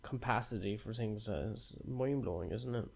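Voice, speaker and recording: A man's voice: on the low side, moderate pace, vocal fry. A man from Ireland co-hosting a podcast, chatting casually with dry, teasing banter and casual swearing. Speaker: podcast co-host. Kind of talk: casual chat.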